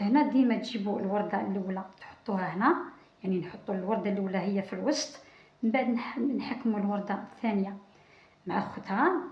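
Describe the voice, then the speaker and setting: Fast-talking Algerian woman teaching crochet. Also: medium pitch, darkish tone. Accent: Algerian Arabic. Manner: talks while working, many restarts and counting. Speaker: crochet channel host. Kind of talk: casual crochet tutorial. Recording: roomy, dull lo-fi sound.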